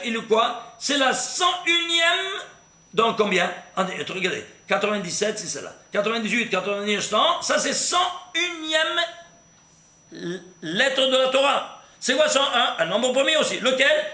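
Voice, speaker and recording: A man teaching a recorded Torah class, animated and constantly quizzing his listeners with questions. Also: very high voice. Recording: echoey room with faint noise.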